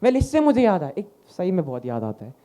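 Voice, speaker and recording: Young male stand-up comic, storyteller, dark relaxed timbre. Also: high voice, fairly quick. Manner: storytelling, acting out dialogue. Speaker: stand-up comedian. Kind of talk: stand-up comedy set.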